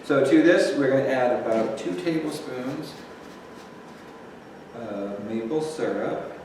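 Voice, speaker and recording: Slow-paced and mid-range, a young man's voice leads a casual, step-by-step cooking demonstration loaded with fillers; he is a teen librarian. The background is noisy, with the far mic picking up kitchen echo and dishes clattering.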